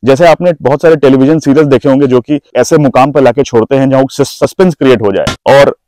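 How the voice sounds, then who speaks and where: A man's voice: mid-range voice, a little mellow, no room sound, low-quality recording. A man teaching presentation skills, stretching and stressing single words to show how emphasis works. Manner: drawn-out, stressed words when demonstrating emphasis. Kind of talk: instructional talk.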